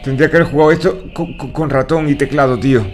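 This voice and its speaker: A man's voice: a little high, steady tone, fast, soft background music. A man with a Spain Spanish accent giving live commentary while playing a horror game, talking to himself, jumpy and swearing often. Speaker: gaming streamer.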